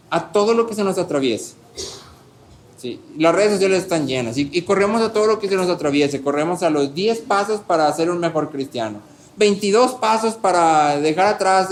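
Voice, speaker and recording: A man preaches a sermon as a pastor. His voice sits somewhat high for a man. He delivers it with animated energy, rhetorical questions, and swings between quiet and loud passages.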